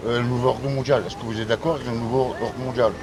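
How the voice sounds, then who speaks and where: A man's voice: medium pitch, little pitch movement, fast talker. An older man from Belgium, an independent reporter, interviewing a passerby on a city street and talking over him with insistent questions. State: tired. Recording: outdoor street noise.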